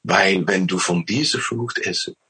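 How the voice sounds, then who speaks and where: A preacher putting on a low, sly serpent. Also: male voice, expressive, unhurried, pushed and bright, breathy edge, exaggerated voice. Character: sly whispering male serpent tempter.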